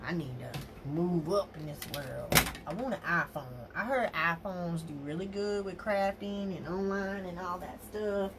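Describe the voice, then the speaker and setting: A woman's voice: lowish voice, unhurried, hardly any pauses, noisy background. A woman, chatting casually with her viewers as she hosts a crafting livestream. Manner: chatty, talks to viewers directly and folksy. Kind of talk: casual live chat while crafting.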